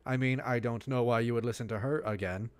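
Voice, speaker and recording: A reader doing a deadpan cool teen boy's voice made to sound robotic and machine-like, in a slow, low, flat drawl while reading a webcomic aloud. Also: clean tone, no room sound. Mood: exasperated. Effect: flat robotic, machine-like delivery done by mouth.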